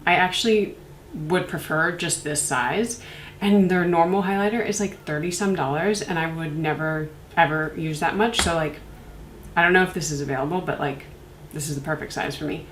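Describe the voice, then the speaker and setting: A woman's voice: low voice, moderate pace, fairly bright tone. Woman with a stuffy cold voice, chatty skincare vlog, lots of fillers, faint room noise, echoey. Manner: chatty, rambling, many fillers like "like" and "um". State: congested from a cold. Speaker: beauty reviewer. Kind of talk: casual product review vlog.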